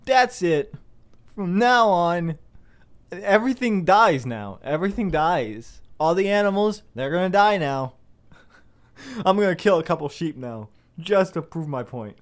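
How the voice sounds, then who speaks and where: A man voicing a petulant, furious male God who rants and shouts at humanity. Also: animated, normal speed, clear, resonant tone. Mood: furious ranting. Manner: shrill, shouting tantrum.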